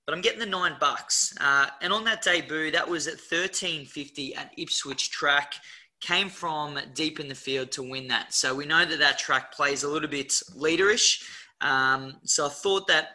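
A man's voice: on the high side, normal speed, sharp tone. An Australian man co-hosting a horse racing preview as a tipster, chatting casually in a blokey, slangy way.

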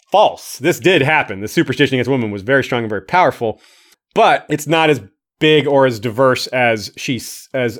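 A man on a livestream reads out a listener's notes and stops to comment between them. He has a medium-pitched voice and an easy, conversational manner. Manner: reads comments aloud, adds own remarks with laughs. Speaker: podcast host reading listener comments. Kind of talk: casual livestream chat. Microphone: streaming microphone.

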